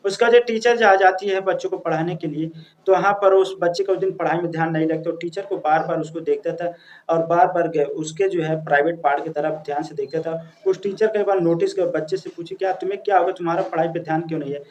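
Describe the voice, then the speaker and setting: High-voiced male storyteller. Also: fairly even intonation, fairly quick, highs cut off. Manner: chatty, addresses listeners as friends, frequent restarts and fillers. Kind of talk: casual storytelling narration.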